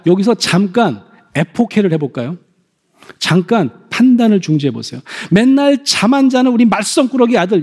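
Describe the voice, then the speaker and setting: A middle-aged man giving a stage lecture to an audience, animated, acting out parents and children in quoted voices. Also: sits high, slightly rough, big-room sound.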